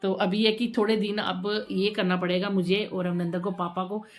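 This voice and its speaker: Woman vlogger chatting away casually, kinda emotional, repeats herself a lot, mid pitch. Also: flat delivery, moderate pace. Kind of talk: casual home vlog chat.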